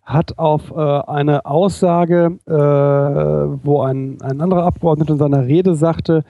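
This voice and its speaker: A man co-hosting a casual discussion, telling anecdotes quickly with a wry edge. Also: a little high, fairly even intonation, gravelly, dry recording, narrow, tinny audio. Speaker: co-host.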